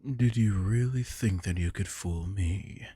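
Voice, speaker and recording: Voicing a haughty noble vampire lord for an ASMR roleplay, a man speaks in a slow, low murmur that's both threatening and seductive. His tone is warm and slightly rough, and the recording is dry.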